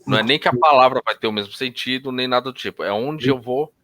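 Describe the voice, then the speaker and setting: A man teaching techniques in a relaxed conversational way, often restarting sentences and changing his tone to show examples. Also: mid-range voice, quick pace, no echo. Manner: explains with hesitant restarts, demonstrates intonation shifts. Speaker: NLP instructor.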